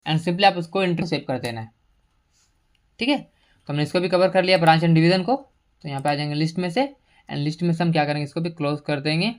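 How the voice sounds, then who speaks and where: In a screen-recorded software tutorial, a low-voiced woman walks through each entry patiently and in order, slipping in English terms. She talks fast, and her mouse clicks are audible as she works.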